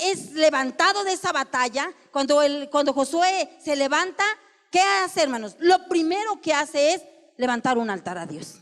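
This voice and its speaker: A woman pastor, teaching a sermon and asking the congregation questions. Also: high voice. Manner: asks the congregation questions, acts out prayers. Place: church hall. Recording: long hall reverb.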